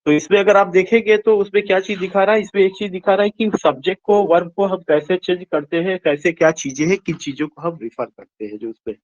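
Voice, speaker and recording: Man teaching, exam-prep lecture, fairly high voice, asks and answers himself, dry muffled sound. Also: no echo. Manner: explains in Hindi mixed with English terms, asks and answers his own questions; reads English question text slowly and deliberately.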